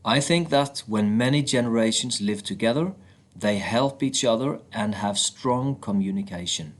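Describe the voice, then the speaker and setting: A man reading first-person passages aloud from a book in a steady, plain manner. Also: lowish voice, moderate pace.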